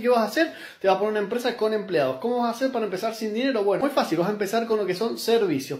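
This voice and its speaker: Man, Rioplatense Spanish accent, 30s, rapid delivery, blunt emphatic advice, phone selfie video at home. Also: high-pitched, a little mellow. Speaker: business content creator. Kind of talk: direct-to-camera advice monologue. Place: small indoor room at home. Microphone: phone camera held close.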